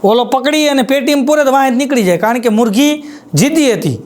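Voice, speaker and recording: A man's voice: very high voice, fast, darkish tone. A man with a Kathiyawadi Gujarati accent telling folk jokes on stage, doing many quoted voices and repeating his punchlines. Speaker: folk comedian. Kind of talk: live stand-up joke telling.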